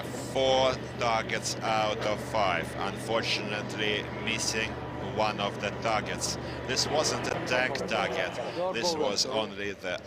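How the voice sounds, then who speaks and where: Slow, hesitant man voicing a translation over commentary. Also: lowish voice, very noisy. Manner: hesitant, frequent "uh" fillers and restarts. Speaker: English interpreter of live sports commentary.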